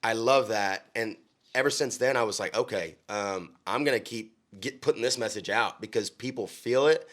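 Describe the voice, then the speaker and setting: In a casual interview, a young man who sings country music talks earnestly, often saying um and starting over. He comes from Oklahoma in the USA. His voice is medium-pitched and a bit bright, at normal speed.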